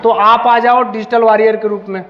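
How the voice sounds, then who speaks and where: A man with a high voice leads an interactive classroom session, calling students forward one at a time and cheering them on. The sound is dull and lo-fi, and it rings with a long, roomy reverb. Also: fairly even intonation, fairly quick, slight background noise. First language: Hindi. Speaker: police officer leading a school workshop. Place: school hall. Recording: echoey hall, dull lo-fi sound.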